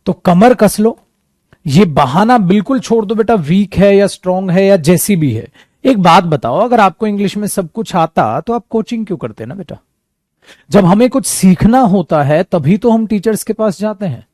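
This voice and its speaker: Speaking at a moderate pace in a high-set voice, this male teacher leads a competitive-exam English coaching session. He addresses learners as "beta" and "mere dost" and plays out their questions in an animated way, captured in a clean, echo-free studio.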